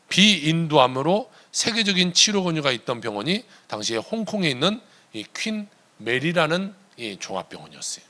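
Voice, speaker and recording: A middle-aged male pastor preaching a sermon, telling a story with emphatic rises and sudden quiet drops. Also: fairly high pitch.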